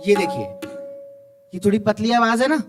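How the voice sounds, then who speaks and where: A man with an animated, encouraging manner, teaching tabla to students in a school hall. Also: high-pitched, moderate pace, over music. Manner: animated, encouraging, recites tabla syllables aloud. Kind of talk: lively school music workshop. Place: school hall with live music.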